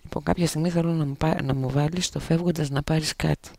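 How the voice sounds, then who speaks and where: A male radio host with a gravelly, somewhat high voice chats in an easygoing, teasing way. He stumbles over words and hesitates often. He sounds close and dry, as if in a small studio. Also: steady tone, darkish tone, dry recording. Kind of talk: casual on-air chat.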